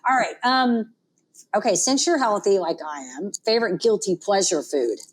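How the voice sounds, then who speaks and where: A woman hosting a casual interview, enthusiastic and quick to affirm her guest. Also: medium pitch, lively intonation, husky. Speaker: podcast host.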